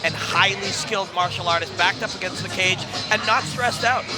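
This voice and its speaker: A man's voice: high-pitched, moderate pace. A man analysing a live fight as a commentator, explaining technique in colourful technical phrases. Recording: broadcast over loud crowd and music. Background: loud crowd and music.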